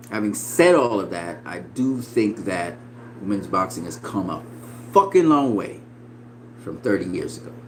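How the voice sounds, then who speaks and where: A man in his forties giving casual, profane boxing opinions, swinging between loud emphatic bursts and quiet asides. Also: deep voice, slight background noise, poor audio. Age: 40s. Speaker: boxing commentator.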